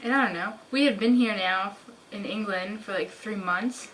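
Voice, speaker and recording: A woman's voice: mid-range voice, normal speed, fairly bright tone, slight background noise, poor audio. A young woman chatting casually in a vlog, full of "like" fillers, talking at home. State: out of breath at the start. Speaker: vlogger. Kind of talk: casual pregnancy update vlog. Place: home, living in England.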